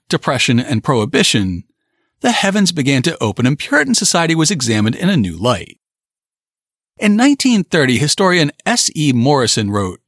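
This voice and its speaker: A man hosting a history podcast, reading announcements and then interviewing a guest in a measured way. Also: medium pitch, creaky, a bit bright, slightly rough, no room sound, studio quality. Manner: measured, reads announcements then asks questions. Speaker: podcast host. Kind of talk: scripted podcast intro and interview.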